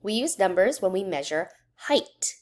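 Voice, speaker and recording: A woman reads a children's educational book aloud, narrating in a measured, instructional manner and posing questions to young listeners. Her voice is mid-range and sing-song, with a darkish tone.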